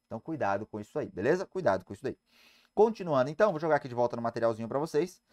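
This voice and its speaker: A man's voice: medium pitch, animated, rapid-fire, darkish tone. A man with a Brazilian Portuguese accent teaching grammar in an online exam-prep lecture, emphatic and asking and answering his own questions.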